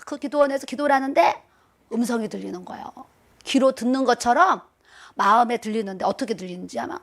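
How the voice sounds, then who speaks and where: A middle-aged woman, a pastor's wife, preaching a sermon. She speaks emphatically, repeats her words and chuckles through self-mocking asides. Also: a little high.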